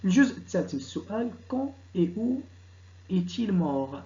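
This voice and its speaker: A man with a Moroccan Arabic accent, a teacher going through exam questions. He reads each question out slowly, then explains it in quick dialect. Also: sits high, big pitch swings, mellow, lo-fi sound. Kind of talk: exam correction lesson.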